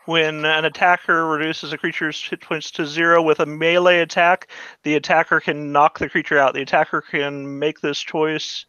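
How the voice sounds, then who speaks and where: Male game master, casual narration, higher-set bright voice, very dry sound. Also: clean tone, dry recording, lo-fi sound.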